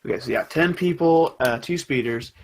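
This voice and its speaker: A young man narrating as game master in a casual, halting way with lots of fillers. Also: fairly high pitch, rough recording.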